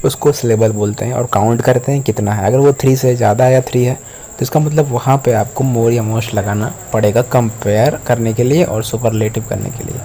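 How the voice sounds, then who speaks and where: A man's voice: medium pitch, fairly even intonation, normal speed, mellow, a little hiss or hum. A man teaching an English grammar lesson, explaining patiently step by step.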